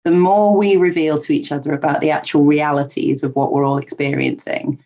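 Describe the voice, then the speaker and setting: Her voice is low, dark and steady, moving at a brisk clip. She's a life coach guesting on a podcast, chatty and earnest with ums and soft laughs, and the remote recording sounds dull and lo-fi.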